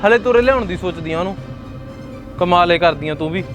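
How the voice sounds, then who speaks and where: A man's voice: high voice, fairly bright tone, faint music behind. A man playing an angry young husband who argues hotly with his mother. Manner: heated, rapid, indignant. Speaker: son arguing with his mother. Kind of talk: web series drama acting.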